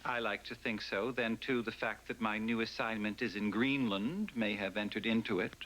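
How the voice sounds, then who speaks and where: A man's voice: fairly low pitch, steady tone, moderate pace, noisy background, natural voice. An actor playing a formal, loyal male household servant in a 1980s sitcom, precise and dryly ironic.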